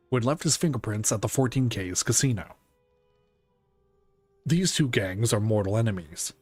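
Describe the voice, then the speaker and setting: A serious, conscientious police detective from a game , read aloud by a man. The voice is mid-pitched, measured and deliberate, recorded dry with faint music underneath. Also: no echo, close to an everyday voice. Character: calm, conscientious male police detective pondering a case. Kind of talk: reading game dialogue aloud.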